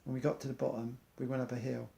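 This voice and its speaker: A man's voice: medium pitch, flat delivery, fast talker, gravelly, dark tone. A man, an amateur athlete, earnestly reciting an inspirational monologue in loose rhymes.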